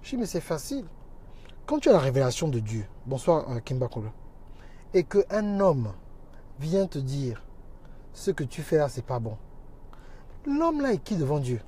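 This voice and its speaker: A man's voice: on the high side, huge pitch swings, normal speed, long pauses, dark tone, husky. A man talking on a casual livestream, preaching emphatically and greeting viewers by name as he goes. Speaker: minister and social media teacher.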